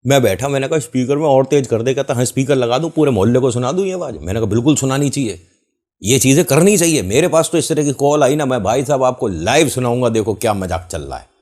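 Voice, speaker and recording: A man hosts his own channel, telling a story in a chatty, animated way. He acts out the lines of the people he quotes. His pitch sits in an ordinary middle range. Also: quick pace. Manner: animated retelling, acting out quoted voices. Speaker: YouTube channel host. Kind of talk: casual storytelling monologue.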